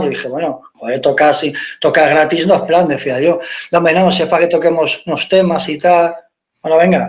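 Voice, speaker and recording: A man, a guitarist guest telling anecdotes in an interview, acting out the quoted dialogue and swearing casually. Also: on the high side. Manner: lively storyteller who acts out quoted dialogue. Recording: echoey room.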